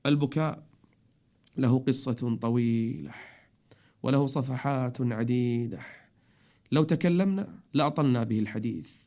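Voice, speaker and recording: A man's voice: medium pitch, a little mellow. A middle-aged man giving a religious storytelling sermon, preaching with an emotional delivery that rises and falls. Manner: emotional, rising and falling delivery.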